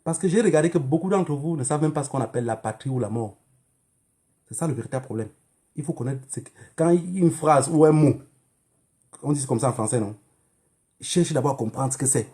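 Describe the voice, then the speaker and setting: A Cameroonian-accented online activist speaks a little fast in a warm, medium-pitched voice, pausing often. On his livestream he delivers a political monologue to viewers, admonishing them emphatically with repeated phrases and rhetorical questions.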